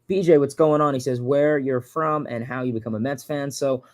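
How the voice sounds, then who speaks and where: Hosting a laid-back livestream, a Long Island man in his early twenties responds to viewer questions in a medium-pitched, slightly mellow voice at normal speed. He tends to ramble, repeat words, and lean on fillers, and the studio-quality audio has no room sound.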